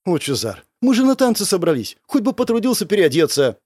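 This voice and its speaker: A man's voice: high voice, very animated, brisk, a little mellow, slightly rough, dry recording, clean studio sound, voice pushed up, heavily acted. A man voicing an indignant, reproachful young woman in an audiobook. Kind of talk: audiobook character voice.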